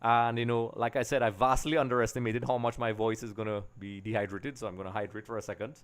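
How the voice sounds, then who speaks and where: His voice is lowish and smooth, his delivery flat, and he talks fast. This middle-aged Trinidadian livestream host chats casually with viewers during a rambling football watch-along, speaking into a boom-arm desk mic in his small home streaming room.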